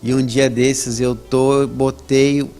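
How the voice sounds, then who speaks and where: A man's voice: takes it slowly, soft background music. Man telling his testimony. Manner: conversational, tags sentences with "né?"; lively storytelling with rising pitch on emphasis. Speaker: interview guest. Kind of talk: personal religious testimony.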